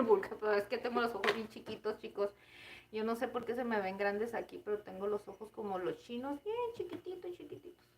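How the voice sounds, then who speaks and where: A woman's voice: medium pitch, fairly even intonation, normal speed, a little hiss or hum. A woman in her thirties with a Mexican Spanish accent, hosting a cooking livestream and chatting casually with her viewers, giggling often. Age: 30s. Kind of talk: casual live chat with viewers.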